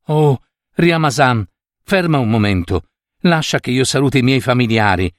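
A man voicing a tender young girl in a storybook reading, raising his voice to sound high and pleading. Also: expressive, normal speed, no room sound, clean studio sound, natural voice. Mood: emotional farewell. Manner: pleading, raised pitch, cries out.

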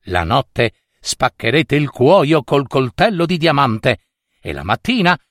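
A man voicing a wise, cunning old woman in a storybook tale, giving firm, slow instructions. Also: medium pitch, sing-song, a bit bright, no room sound, clean studio sound, exaggerated voice. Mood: instructing.

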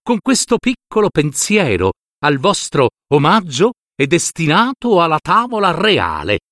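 A crafty storybook cat in boots speaks in a raised, lilting voice, as a male storyteller puts him on. He is courtly and flattering, all bows and persuasion, and his pitch leaps around as he talks. The sound is close and dry. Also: a little slow, no echo, full character voice. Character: cunning, smooth-talking male cat in boots.

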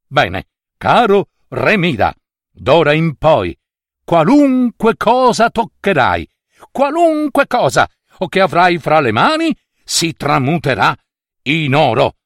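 A man voicing a mighty god who speaks gravely and measured, issuing a warning. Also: a little high, huge pitch swings, dry recording, clean studio sound, full character voice. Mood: proclaiming. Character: solemn mighty male god granting a wish.

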